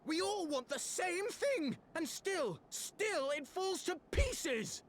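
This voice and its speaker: An actress voicing a distraught young noble who pleads and cries out in a video game. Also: female voice, very high voice, lively intonation, slow pace, a little hiss or hum, exaggerated voice. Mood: anguished.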